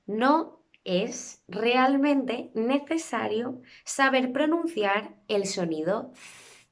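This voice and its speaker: Woman, Spain Spanish accent, patient language teacher, animated pitch, unhurried delivery. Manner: slow, careful modeling of sounds. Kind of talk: pronunciation lesson.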